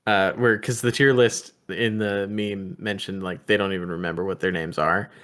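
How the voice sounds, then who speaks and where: A man's voice: sits low, fairly even intonation, normal speed, a bit bright. A man co-hosting a casual gaming podcast, reading viewer comments aloud in an easygoing way. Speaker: podcast co-host.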